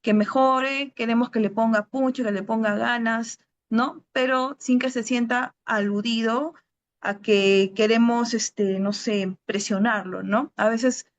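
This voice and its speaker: A woman's voice: a little high, fairly even intonation, takes it slowly. A woman interviewer who asks long, winding questions and tags her sentences with '¿no?'. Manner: rambling, winding questions tagged with '¿no?'. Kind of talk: asking a long question in a conversation. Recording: slightly dull, lo-fi audio.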